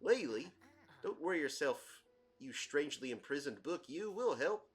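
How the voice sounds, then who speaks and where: A man's voice: fairly high pitch, sing-song, normal speed, slightly rough, voice pushed up. A man reading a friendly lizard hero. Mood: earnest.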